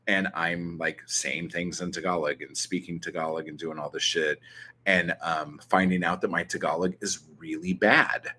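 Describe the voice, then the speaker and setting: A young Southern Californian man with that regional accent hosts his vlog channel and answers viewer questions. His voice is low with a sharp tone, and he rambles casually, full of ums and likes plus the odd swear.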